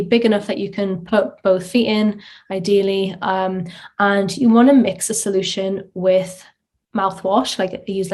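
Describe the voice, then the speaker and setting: A woman hosting a casual solo podcast, chatty with many filler ums and restarts, heard through low-quality microphone audio. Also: a little mellow. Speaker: podcast host.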